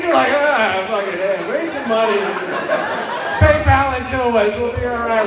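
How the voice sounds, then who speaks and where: Profane stand-up comedian in a roomy hall. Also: male voice, fairly high pitch, very noisy. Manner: loose, profane storytelling with frequent laughs. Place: live comedy venue with audience. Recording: distant room recording with loud crowd. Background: audience laughter and applause.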